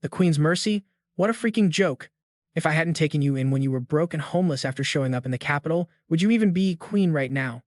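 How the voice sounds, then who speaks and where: A man's voice: on the high side, lively intonation, fast talker, darkish tone, no echo, studio quality, close to an everyday voice. A man voicing a bitter, furious noblewoman who has lost her title, reading her sarcastic accusations in a comic story recap.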